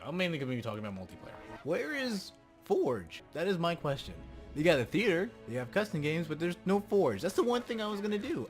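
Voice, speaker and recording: A man giving casual, unscripted gameplay commentary, rambling and complaining in an exasperated way with emphatic repeats. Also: a little high. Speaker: gamer commentator.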